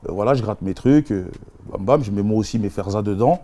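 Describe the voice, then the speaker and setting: Fast-talking man telling street stories. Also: fairly low pitch. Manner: animated, slangy, full of sound effects. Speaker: interview guest. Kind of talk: casual storytelling in street slang.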